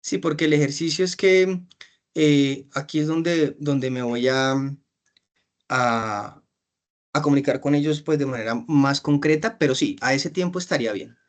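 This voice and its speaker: A man with a Colombian accent teaching an exam-prep class, asking questions, stretching out key phrases and often checking "¿sí?". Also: on the high side. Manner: slows down to stress key phrases.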